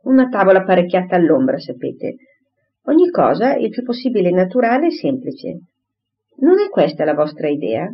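A woman's voice: on the low side, sing-song, normal speed, slightly rough, heavily acted. A woman reading an audiobook, voicing a pompous, bossy married lady who gushes and insists, in a dull lo-fi recording. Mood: chatty, insistent. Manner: gushing, insistent, talks over others.

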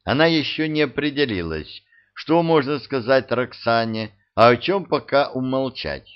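A male narrator reading an audiobook with lively, expressive delivery. His pitch swings widely through each sentence. The recording is dull and lo-fi. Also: normal speed, clear, resonant tone. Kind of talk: scripted narration.

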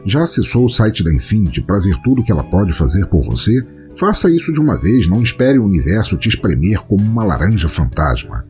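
A man with a low, darkish voice and a Brazilian accent performs scripted storytelling and podcast hosting in a theatrical, florid style, narrating and hosting an audio drama.

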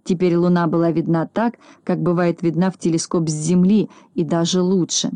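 A woman reads a children's story aloud in a calm, even manner. Her voice is fairly low and mellow. The recording is close and dry. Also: normal speed, no room sound. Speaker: reader.

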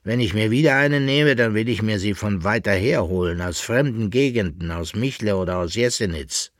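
A man's voice: on the low side, moderate pace, no echo, clean studio sound, natural voice. A man voicing a quarrelsome old gardener who scolds his son in a radio reading. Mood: grumbling. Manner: grumbling, scolding.

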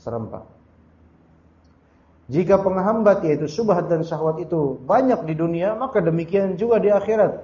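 Echoey, dull recording of a higher-voiced male teacher. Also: expressive, moderate pace, pauses often, warm tone. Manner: conversational, tags sentences with "ya" and addresses listeners as "Pak"; quotes Arabic verses then explains them. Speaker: Islamic teacher. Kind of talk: religious study lecture. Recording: echoey room, dull lo-fi sound.

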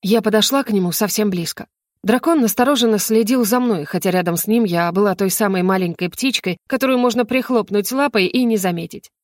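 A woman narrates a fantasy novel in first person, at a mid pitch. Her reading is even and measured. The sound is dry and close, with no room around it. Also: dry recording. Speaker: audiobook narrator. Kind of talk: scripted narration.

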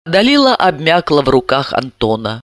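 A woman narrating a novel aloud with dramatic, expressive delivery. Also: deep voice, normal speed, no echo, clean studio sound. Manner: dramatic, animated. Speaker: audiobook narrator.

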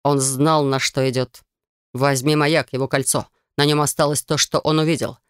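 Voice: medium pitch, level tone, normal speed, clear, resonant tone, no echo, studio quality, natural voice. A narrator voicing a grieving, solemn male elf in an audiobook, speaking in a strained, choked voice. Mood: grave sorrow. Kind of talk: audiobook character voice.

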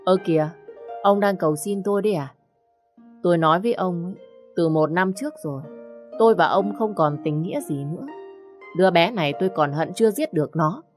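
A woman's voice: fairly low pitch, brisk, faint music behind, natural voice. A woman voicing a cold, gloating young man who scorns his begging father. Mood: scornful. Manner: cold and mocking.

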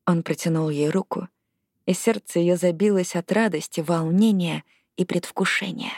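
Expressive woman reading an audiobook. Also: on the low side, normal speed, no echo, clean studio sound. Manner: expressive, lifts with the action. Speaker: audiobook narrator. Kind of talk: scripted narration.

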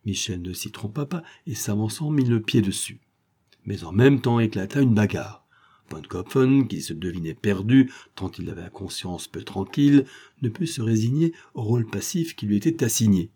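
Male audiobook narrator, low-pitched, dark mellow tone, steady and measured. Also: slightly rough.

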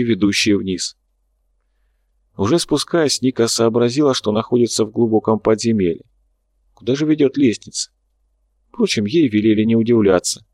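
Guy reading an audiobook, lowish voice, steady even narration, dry close mic. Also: no room sound. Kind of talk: scripted narration.

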